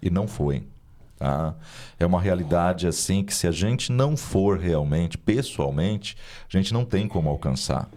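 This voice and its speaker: Low-voiced pastor telling a testimony. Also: male voice, lively intonation, measured pace, mellow. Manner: earnest, narrative, with many "né?" tags. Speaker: pastor and guest speaker. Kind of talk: storytelling testimony in an interview.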